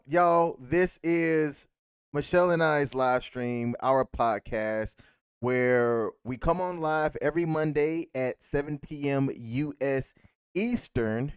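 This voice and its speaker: A man's voice: medium pitch, smooth, no room sound, studio quality. An American man co-hosting a casual live-stream chat as a podcast host.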